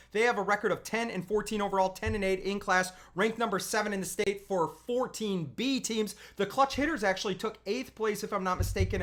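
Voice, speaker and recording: A youth softball coach narrates game highlights in a loose, chatty play-by-play. The delivery is full of quick asides and self-corrections, and it jumps to loud, excited cheering on big plays. The pitch sits in the middle range. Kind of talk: highlight recap commentary over game video.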